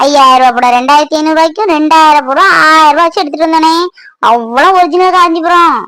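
A woman's voice: sits high, fast talker, bright, forceful tone, no echo, studio quality. Woman doing an indignant, boastful cartoon shopper. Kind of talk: cartoon voice acting.

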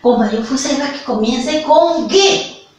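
A woman's voice: high voice, darkish tone, far from the mic. A woman with a Peruvian accent teaching a virtual lesson to young children, speaking affectionately and stretching her words so they can follow. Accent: Peruvian Spanish. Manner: affectionate, slow and exaggerated for small children. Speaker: primary school teacher. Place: classroom with a whiteboard. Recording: echoey room, away from the mic.

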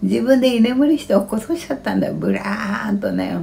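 Creaky-voiced elderly Japanese woman, flustered. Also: mid-range voice, animated, fast talker, mellow. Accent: rural Kanto Japanese dialect. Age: elderly, about 80s. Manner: flustered, plaintive grumbling to herself. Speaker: livestreamer. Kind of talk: casual livestream chat, muttering and reading out comments. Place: small cluttered home kitchen-dining room, indoors. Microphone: handheld phone close to the face. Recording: faint room noise, handheld phone.

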